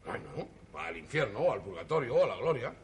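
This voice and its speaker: An actor playing a skeptical, bewildered friend who jokes and wisecracks, with a Spain Spanish accent. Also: male voice, mid-range voice, big pitch swings, fairly quick, gravelly, a little hiss or hum. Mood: mocking. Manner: joking, wisecracking. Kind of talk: 1960s TV stage play acting.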